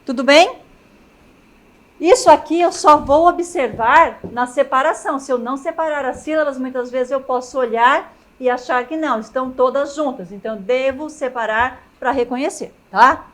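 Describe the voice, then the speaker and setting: A woman's voice: high voice, moderate pace, fairly bright tone. A woman teacher with a Brazilian Portuguese accent giving a grammar lecture at the chalkboard, often stopping to check that students follow. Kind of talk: classroom lecture.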